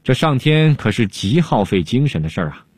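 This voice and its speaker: A man's voice: medium pitch, very animated, a little fast, darkish tone, breathy edge, dry recording, clean studio sound. A man voicing a sly, unflappable male Han court jester-scholar who talks in a teasing, self-assured drawl.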